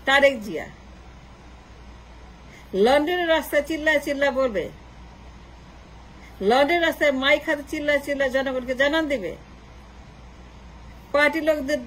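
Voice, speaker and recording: Insistent high-voiced woman commentator. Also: fairly bright tone, a little hiss or hum, rough recording. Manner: insistent, repetitive, mixes in English. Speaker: political commentator. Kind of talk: opinion monologue.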